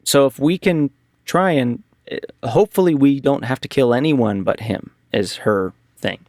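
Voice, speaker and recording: A man's voice: medium pitch, unhurried, darkish tone, no room sound, clean studio sound. A man casually recapping a tabletop game session as game master, with lots of fillers and restarts. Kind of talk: casual podcast chat.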